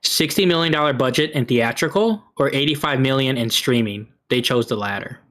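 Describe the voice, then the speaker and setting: A man's voice: mid-range voice, brisk, sharp tone. A man co-hosting a casual movie discussion, hedging and weighing both sides as he talks. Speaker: podcast co-host reviewing movies.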